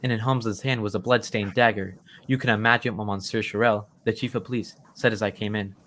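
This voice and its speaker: An actor playing a genial, loyal and excitable English gentleman doctor who tells stories in old-time radio drama style. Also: lowish voice, a little fast, slight background noise, close to an everyday voice. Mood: earnest storytelling. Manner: genteel, old-fashioned storytelling.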